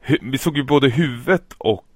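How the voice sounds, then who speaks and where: A man's voice: mid-range voice, dry recording, clean studio sound. A man co-hosting a casual chat podcast, talking enthusiastically and swearing casually. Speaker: podcast co-host. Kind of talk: casual chat about film trailers.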